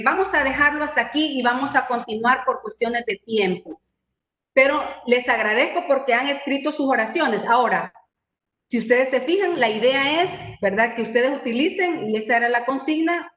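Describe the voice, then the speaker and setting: A woman's voice: fairly high pitch, a bit bright, roomy sound. A woman teaching a spelling and grammar lesson over a video call, explaining patiently and checking in with her class. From El Salvador. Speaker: writing and spelling instructor. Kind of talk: online training lesson.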